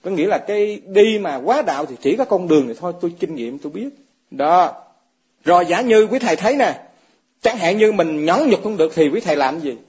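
A man's voice: high voice, expressive, fairly quick, a little mellow, husky. A man giving a dharma talk to fellow monks, asking his listeners questions and chuckling often. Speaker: Buddhist monk teaching fellow monks. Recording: dull lo-fi recording.

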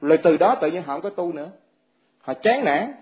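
Male monk, earnest sermon, high voice, dull lo-fi recording. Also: lively intonation, fairly quick. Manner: earnest, asks the listeners rhetorical questions. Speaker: Buddhist monk teaching fellow monks.

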